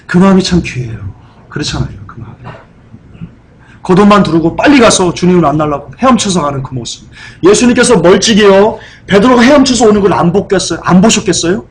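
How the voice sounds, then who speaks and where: A male pastor preaching a sermon, firing off rhetorical questions and acting out scenes with loud cries and sudden soft asides. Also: high-pitched, expressive, a little fast, a little hiss or hum, poor audio. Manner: acts out scenes with loud cries and dropped whispers.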